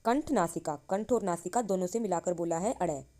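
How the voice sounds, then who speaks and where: A woman with a dark tone and a voice on the low side explains Sanskrit grammar in Hindi. Every syllable is read slowly and stretched out, and she answers her own questions as she goes.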